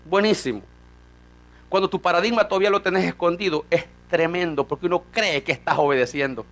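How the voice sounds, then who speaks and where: A man preaching a fiery sermon, rising to shouts and acting out dialogue between characters. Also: high-pitched, a little fast. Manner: fiery, rising to shouts, acts out voices of Peter and God.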